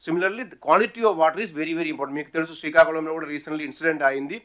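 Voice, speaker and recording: Very fast-talking Telugu-accented official. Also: male voice, fairly high pitch, fairly bright tone. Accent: Telugu-accented English. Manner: rushed, clipped delivery. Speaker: government official presenting. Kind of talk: formal briefing mixing Telugu and English.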